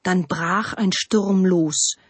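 A woman storyteller reading a storybook in a soft, hushed manner that often drops near a whisper. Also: on the low side, steady tone, very slow, slightly rough, dry recording.

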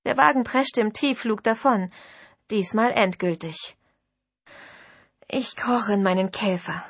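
Female audiobook narrator, husky and intimate, first-person novel, dry booth sound. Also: mid-range voice, measured pace, dry recording.

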